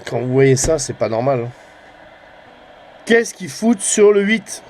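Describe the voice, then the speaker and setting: Speaking at a measured pace with big pitch swings, this channel host has a mid-range voice, and a slight hiss or hum runs under the recording. As an amateur CB radio enthusiast, he rambles hesitantly through his vlog, frequently trailing off with small filler words.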